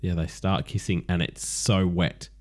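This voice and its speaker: Deep-voiced man, blunt and sweary. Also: a little slow. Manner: blunt, swearing, animated retelling with acted quotes. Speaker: podcast co-host. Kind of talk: casual chat recapping a TV show.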